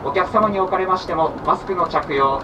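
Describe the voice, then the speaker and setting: A man's voice: high-pitched, a little fast. A man working as a train conductor, making polite, formulaic announcements in a formal style. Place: inside a moving train. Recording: distant onboard speaker with loud train noise.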